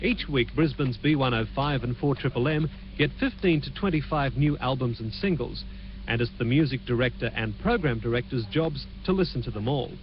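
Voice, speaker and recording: Male reporter on a low quality stream. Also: slight background noise. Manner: measured, clear scripted delivery. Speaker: entertainment news reporter. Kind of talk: TV news report narration with chat to the anchor. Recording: dull lo-fi copy of a low quality stream of a TV broadcast.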